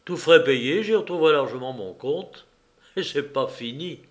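A man reading an audiobook, voicing a cool, commanding gentleman burglar who gives brisk, ironic orders, a little higher and louder than his narration. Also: animated, close to an everyday voice. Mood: mocking. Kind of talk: audiobook character voice.

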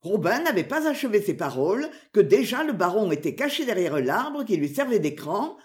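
Narrator: a woman reading a storybook, dramatic and expressive, lively pitch. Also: normal speed. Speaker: audiobook narrator.

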